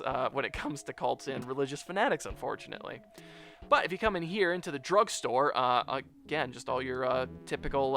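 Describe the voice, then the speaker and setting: A man's voice: mid-range voice, vocal fry, a bit bright. A man giving casual, rambling let's play commentary on a video game, chatting to his viewers. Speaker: gameplay video host.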